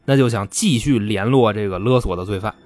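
A man's voice: lowish voice, brisk, darkish tone, no room sound. A man hosting a podcast, telling a true-crime story in casual, salty everyday speech and acting out the people in it. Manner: colloquial, salty, acts out the quoted people. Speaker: podcast host.

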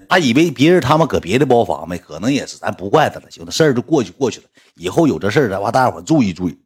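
A man with a Northeastern Mandarin accent, a livestreamer telling stories to his viewers in a chatty, animated way, acting out quotes. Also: on the low side, husky. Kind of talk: casual storytelling to viewers.

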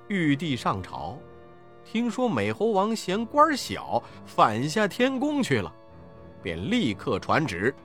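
A man narrating a classic children's story in an expressive, sing-song way. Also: on the high side.

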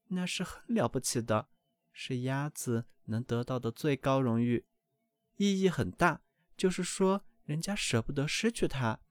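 A man voicing a doting, fussy mother duck in a storybook reading, with a high, excited, scolding voice. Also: no echo, close to an everyday voice.

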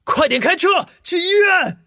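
A man's voice: medium pitch, lively intonation, fairly quick, breathy edge, no echo, studio quality, pitched above the performer's own voice. A man voicing a desperate young man who pleads in a choked, urgent way. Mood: urgent, pleading.

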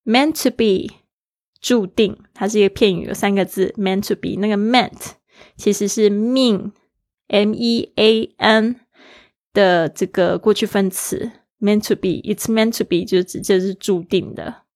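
A woman's voice: mid-range voice, fairly even intonation, normal speed, a little mellow, no echo, studio quality. A woman teaching an English lesson, explaining words and spelling them letter by letter, switching often between her own language and English.

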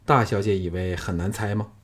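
A cool, self-assured swordsman hero, voiced by a male narrator who speaks low, calm and measured. His voice has a slight husk, and the delivery stays composed throughout this storybook recording. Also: natural voice. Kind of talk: audiobook character voice.

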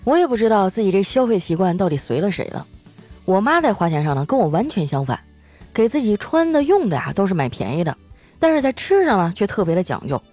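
A woman's voice: mid-range voice, sing-song, quick pace, a little mellow, soft background music. Playful young woman telling comic stories. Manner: playful, giggly. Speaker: podcast host. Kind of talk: comic storytelling.

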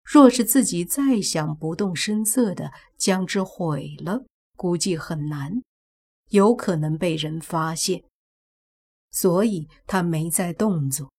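A woman narrating a suspense novel as an audiobook, reading slowly and voicing the characters herself. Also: fairly low pitch, a little mellow, husky. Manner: slow, measured storytelling voicing all characters.

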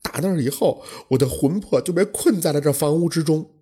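A man's voice: a little high, fairly quick, mellow, husky. A man voicing a young female ghost who pleads sorrowfully for help, in a storytelling performance. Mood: tearful.

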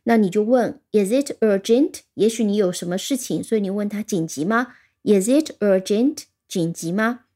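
Mellow-voiced woman teaching English words. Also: mid-range voice. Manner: slows down and spells out English words. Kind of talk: recorded vocabulary lesson.

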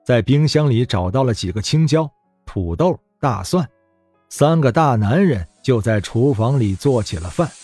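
A man narrating a fantasy web novel as an audiobook, with expressive storytelling. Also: medium pitch, breathy edge.

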